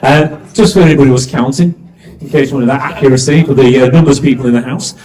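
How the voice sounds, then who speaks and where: Speaking fast at a medium pitch, with a slightly mellow tone, a middle-aged Yorkshire-accented compère chats and jokes with a live audience from an event stage, asking them questions. Audio quality is poor.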